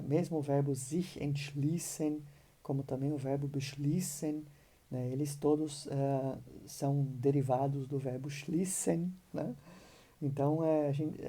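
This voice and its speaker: Language teacher, very slow, deep mellow tone, patient, checking tags. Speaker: German teacher. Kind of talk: online language lesson.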